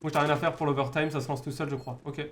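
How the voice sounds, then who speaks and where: Talking fast in a level tone, this Frenchman has a slightly high voice and casts a video game match live and informally. He tends to repeat words as he searches for what to say next, with gunfire and clicks filling the noisy stream.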